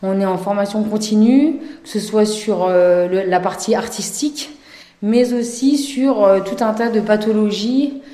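Mellow woman in an echoey room. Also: mid-range voice, unhurried. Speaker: professional care-setting clown. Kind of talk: explanatory interview answers. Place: echoing room in a care home.

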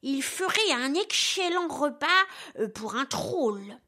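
A nervous middle billy goat pleads for his life, stumbling and hesitating as he speaks, voiced by a woman reading a fairy tale. The voice sits fairly high and moves unhurriedly. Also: big pitch swings, slow pace, sharp tone, full character voice. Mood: pleading. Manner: hesitant, full of "euh".

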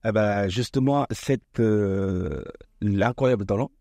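A man being interviewed on the radio about an event he organizes, speaking hesitantly with many pauses. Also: on the low side, darkish tone, no echo, clean studio sound. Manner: hesitant, many fillers and restarts.

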